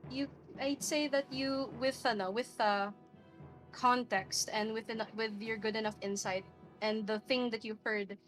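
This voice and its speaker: Game master: woman, Filipino accent, higher-pitched, halting improvised narration, encouraging to players, light music underneath. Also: fairly even intonation, fairly bright tone.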